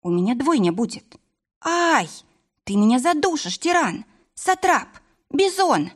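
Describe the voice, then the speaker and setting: A woman's voice: high-pitched, sing-song, measured pace, pitched above the performer's own voice. A woman reading an audiobook, voicing a young pregnant wife who teases and scolds her husband. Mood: playful scolding. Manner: teasing and scolding. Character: young pregnant woman, sharp-tongued but tender. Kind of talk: audiobook character voice.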